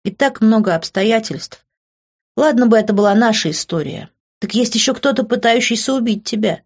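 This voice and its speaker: A woman's voice: on the high side, normal speed, muffled recording, voice pushed up. A woman reading an audiobook, voicing a heated, passionate young woman arguing with her lover in a raised, emotional voice.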